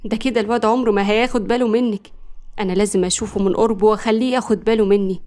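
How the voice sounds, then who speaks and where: A woman's voice: medium pitch, fairly even intonation, rapid-fire, warm tone, natural voice. A woman voicing a lovestruck, brash young Egyptian woman obsessed with a footballer, in a dramatic way. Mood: scheming.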